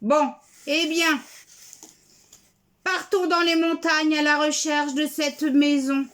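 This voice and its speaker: A woman telling a children's story aloud, gentle and coaxing. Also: high-pitched, little pitch movement, slow.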